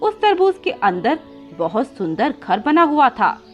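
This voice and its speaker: A woman narrating a children's cartoon story in an expressive, scripted way. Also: high voice, a little slow, muffled recording, faint music behind.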